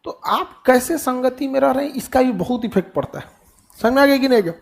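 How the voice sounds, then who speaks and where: A man's voice: very high voice, animated, fairly quick, vocal fry. A middle-aged man giving a classroom motivational talk to students, full of rhetorical questions and playful mimicked dialogue. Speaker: teacher addressing students.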